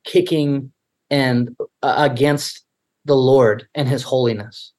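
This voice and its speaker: A man's voice: medium pitch, steady tone, slow, a little mellow. Earnest man thinking aloud. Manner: earnest, restarts often while thinking aloud. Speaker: podcast co-host. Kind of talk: casual conversational discussion.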